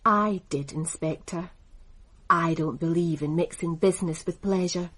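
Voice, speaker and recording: At a measured pace and on the low side, a woman performs a radio drama role as the poised head of a racing business. Cool in mood, she speaks with dry composure and crisp assurance, her character sharp and cutting.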